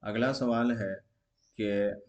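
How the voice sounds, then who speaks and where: A man's voice: on the low side, level tone, slow, darkish tone, highs cut off. A man teaching an exam-prep grammar lesson, asking each question aloud and answering it himself in a repetitive call-and-response way.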